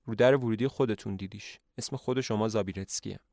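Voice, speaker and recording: A man's voice: lowish voice, gravelly, dark tone, no echo, clean studio sound. A man voicing an earnest young male teacher in a narrated play, polite and a little hesitant.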